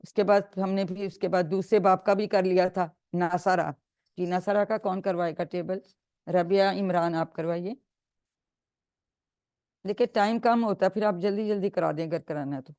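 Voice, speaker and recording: A woman teaches grammar in an online class, coaxing and correcting as she goes. Her voice sits low and mellow. It sounds dry and close, as over a video call. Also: fairly even intonation, normal speed, no echo. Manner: patient, coaxing, repeats and corrects. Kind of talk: online class drilling students.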